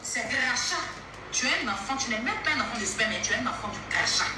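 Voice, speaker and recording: A woman's voice: fairly high pitch, lively intonation, fast talker, reverberant, over music, low-quality recording. A woman speaking scornful, contemptuous insults in a played clip.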